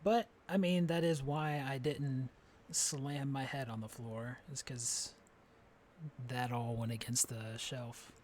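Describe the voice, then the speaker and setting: A man's voice: mid-range voice, steady tone, slow pace, darkish tone, a little hiss or hum. A man streaming, chatting casually with a friend, rambling with lots of filler words and frequent laughter. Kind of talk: casual chat. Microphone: streaming setup.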